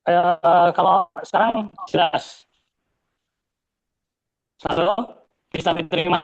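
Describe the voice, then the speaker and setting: A man's voice: sits high, steady tone, slow pace, no room sound. A man making polite, formal announcements over a video call whose crackling sound keeps breaking up, often checking if he can be heard. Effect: choppy, crackling online call audio. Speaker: organizer giving announcements. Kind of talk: online meeting announcements. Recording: dull, lo-fi call audio breaking up.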